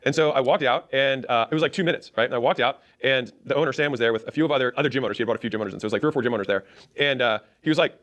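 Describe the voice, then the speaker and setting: Rapid-fire male storyteller, mid-pitched, chatty and self-mocking, in a clip played for a reaction. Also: fairly bright tone, dull audio. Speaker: business coach telling his story. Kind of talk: animated storytelling.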